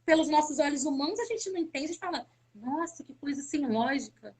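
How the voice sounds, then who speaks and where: High-voiced fervent woman giving testimony. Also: lively intonation, a little fast, darkish tone. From Brazil. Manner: fervent, repeats words for emphasis. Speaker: guest giving a faith testimony. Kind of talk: emotional personal testimony on a live stream.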